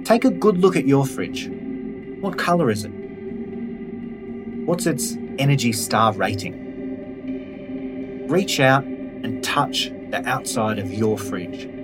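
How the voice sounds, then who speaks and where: Speaking at medium pitch with a touch of huskiness, a man guides the listener through a scripted audio tour. He gives direct instructions in a chatty, conversational tone.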